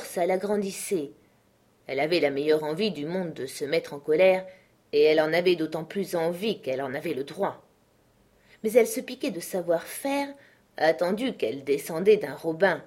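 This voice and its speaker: A woman reading a classic novel aloud as an audiobook, in a measured and expressive storytelling manner. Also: deep voice. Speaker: audiobook reader. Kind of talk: literary narration.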